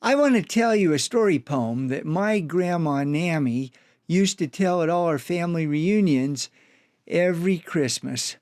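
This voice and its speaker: A man reciting folksy cowboy poetry in an animated way, with a cowboy drawl and rustic dialect. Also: on the high side, a little slow, no echo, studio quality. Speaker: cowboy poet, storyteller.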